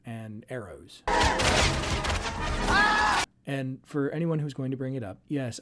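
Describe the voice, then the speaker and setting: A man narrating an explanatory fan commentary as a host, with wry, dryly sardonic asides. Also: medium pitch. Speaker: host and narrator of a video series.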